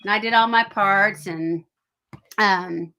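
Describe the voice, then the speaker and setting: Casual podcast guest: middle-aged Texan woman, forceful bright tone, R's softened toward W's. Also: mid-range voice, takes it slowly. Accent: Texas. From Texas, United States. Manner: soft R's and W's that blur together, w-like r. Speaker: guest, author and audiobook voice actor. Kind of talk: casual chat.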